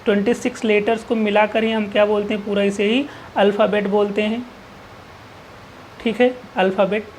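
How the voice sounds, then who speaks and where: A woman's voice: medium pitch, little pitch movement, moderate pace, a little mellow, a little hiss or hum. A woman teaching an exam-prep English grammar lesson, asking rhetorical questions and answering them herself. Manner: repeats key terms, drills with "ठीक है". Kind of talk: exam-prep classroom lecture.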